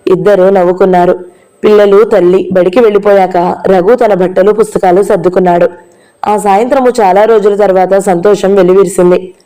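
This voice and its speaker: Mellow-voiced woman reading a novel. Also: mid-range voice, steady tone, fairly quick, poor audio. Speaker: audiobook narrator. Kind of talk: reading a novel aloud, voicing all characters.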